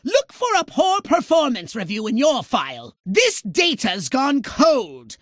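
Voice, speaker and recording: Orthopox, a shrill, imperious alien commander. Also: male voice, huge pitch swings, unhurried, a bit bright, no room sound, studio quality, heavily acted. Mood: exasperated scolding. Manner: pompous, theatrical, scolding, clipped formal diction. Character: small imperious alien commander, male, haughty and impatient. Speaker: mission controller giving orders. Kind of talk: video game voice lines.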